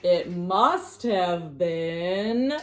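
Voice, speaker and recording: A woman whose voice is on the low side reads a picture book to young kids with expressive, sing-song delivery, pausing to prompt her listeners.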